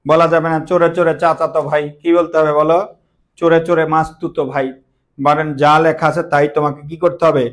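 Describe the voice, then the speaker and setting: A man's voice: a little high, level tone, brisk. A young man teaching an online class, repeating words emphatically and quizzing his students with questions.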